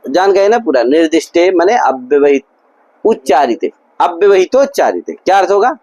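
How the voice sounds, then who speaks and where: Male teacher, high-pitched, quizzes students nonstop, repetitive drilling, gurukul classroom. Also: very animated, normal speed, a little mellow, low-quality recording. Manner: constant call-and-response questions to students. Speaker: Sanskrit grammar teacher. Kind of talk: classroom lecture.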